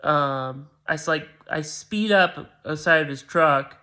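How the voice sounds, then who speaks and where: Rambling man with a bright voice. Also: on the high side. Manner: rambling, halting, full of restarts. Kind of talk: casual made-up storytelling.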